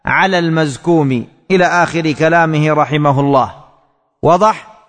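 A man giving a religious lesson, explaining words slowly and repeating key terms back as questions to his students. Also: a little high, a bit bright, long reverb tail. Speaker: religious teacher.

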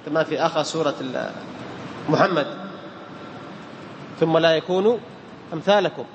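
High-voiced man teaching recitation in a hall. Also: muffled recording, a little hiss or hum. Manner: quizzes students and repeats key terms, chants the verse examples slowly. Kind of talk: classroom lesson on Quran recitation rules.

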